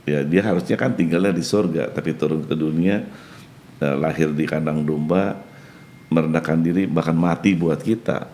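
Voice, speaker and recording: An older man, a pastor, talking on a podcast and telling personal stories in a warm way, often turning to address the host. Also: extremely low pitch, moderate pace, a little hiss or hum. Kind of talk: podcast conversation.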